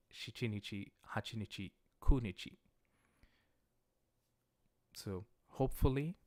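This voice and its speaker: A native English-speaking man with a fairly low voice teaches a Japanese lesson on a livestream, with no room sound in the recording. He patiently walks through patterns step by step and reads viewer questions aloud. He slows down to say Japanese words carefully.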